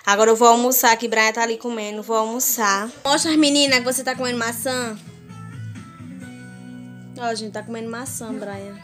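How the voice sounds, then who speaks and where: With music playing in the background, a young Brazilian home vlogger talks to her viewers on a phone held at arm's length indoors. She has a Brazilian accent and a voice on the high side, speaking at a moderate pace with fairly even intonation. She's chatty and warm, often using diminutives for her viewers.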